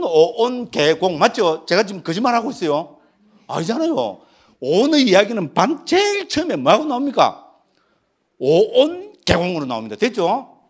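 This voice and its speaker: A man's voice: high voice, slightly rough. A middle-aged man giving a Buddhist dharma talk as a monk, emphatic and forever asking his listeners if they follow. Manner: emphatic, constantly checking with listeners; mimics chanting and shouts.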